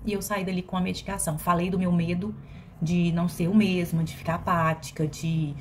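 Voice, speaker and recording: A woman's voice: fairly low pitch, little pitch movement, brisk, darkish tone, slight background noise. Reflective mineira woman, hesitant speech. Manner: reflective and hesitant, with many fillers and restarts. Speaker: vlogger. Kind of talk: personal confessional vlog.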